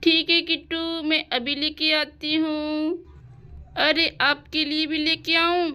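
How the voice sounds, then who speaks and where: A woman's voice: high-pitched, little pitch movement, slow, bright, forceful tone, heavily acted. A woman voicing a strict mother in a doll-house cartoon story, nagging and scolding her daughter.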